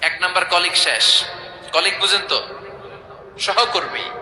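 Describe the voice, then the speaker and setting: A man preaching a dramatic sermon, swinging from hushed tones to shouts and chanting verses. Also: fairly high pitch, moderate pace, faint music behind. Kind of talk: dramatic Bengali sermon storytelling. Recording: echoey hall with noise.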